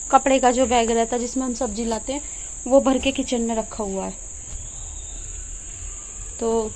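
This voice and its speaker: A woman's voice: on the high side, a little hiss or hum. A middle-aged woman, chatting casually to camera in a home vlog while she explains things and does chores. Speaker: vlogger. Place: home kitchen and yard.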